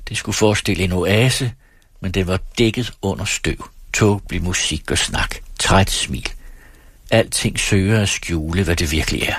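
Grave low-voiced male narrator. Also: a bit bright, slightly rough, no echo, clean studio sound. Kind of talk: audiobook reading.

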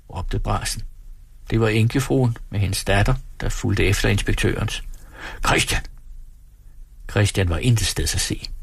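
A man reading a novel aloud for radio in calm, measured narration. His voice sits low, with a gravelly, husky texture. The sound is close and dry. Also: no echo. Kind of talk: literary reading.

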